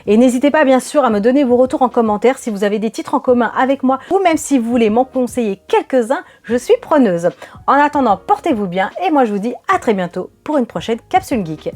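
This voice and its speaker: A woman's voice: a little high, a little fast. Chatty woman showing off her manga haul. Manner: chatty, animated, reads blurbs aloud. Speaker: manga vlogger. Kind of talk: casual manga haul video.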